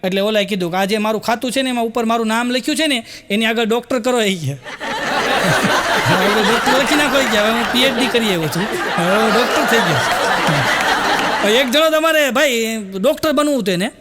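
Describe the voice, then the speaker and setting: Gujju comedian guy, high voice, folksy jokes, acts out the characters. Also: fairly quick, very noisy. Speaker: stand-up comedian. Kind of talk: joke telling to a live audience.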